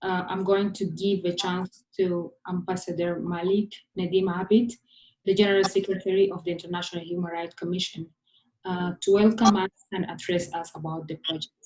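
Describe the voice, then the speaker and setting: A woman's voice: fairly low pitch, flat delivery, normal speed, a little mellow. A woman hosting and moderating, giving a formal welcome address with frequent hesitant fillers. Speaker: host and moderator. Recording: roomy echo.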